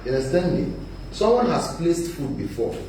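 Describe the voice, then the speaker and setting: A Nigerian man, a guest on a live panel discussion, talking forcefully and often asking "you understand me?". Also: a little high, big pitch swings, normal speed. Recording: echoey room, mic at a distance, noisy.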